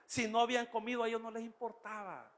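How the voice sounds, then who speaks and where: A man's voice: extremely high pitch, steady tone, fast talker, a bit bright, big-room sound. A man preaching a sermon, emphatic, constantly calling his listeners "brother". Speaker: pastor. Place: church.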